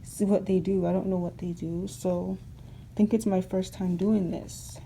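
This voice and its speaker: A woman's voice: on the low side, little pitch movement, unhurried, creaky, dark tone, slight background noise, poor audio. A young woman vlogging casually, rambling and chatty with lots of fillers while sorting clothes at home. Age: young adult. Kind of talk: casual vlog chat.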